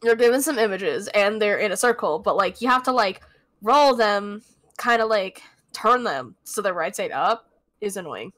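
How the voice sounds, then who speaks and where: A woman's voice: mid-range voice, animated, moderate pace, fairly bright tone. A young woman guest in a casual reaction chat, speaking offhandedly with lots of fillers and cursing. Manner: offhand, sweary, trailing fillers. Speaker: guest co-host. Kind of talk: casual commentary chat while watching a show.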